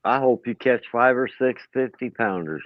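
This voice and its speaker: A man's voice: medium pitch, normal speed, no echo, lo-fi sound. A man joking and ribbing the others in casual chat.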